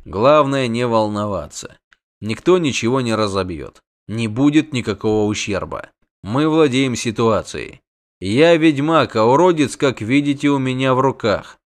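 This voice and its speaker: A man reading the part of a male monster hunter who gives calm, flat commands. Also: medium pitch, slow, few pauses.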